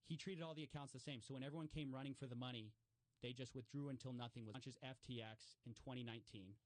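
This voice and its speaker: A man talking casually and explaining at length, animated, with frequent fillers and restarts. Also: mid-range voice, quick pace, no room sound.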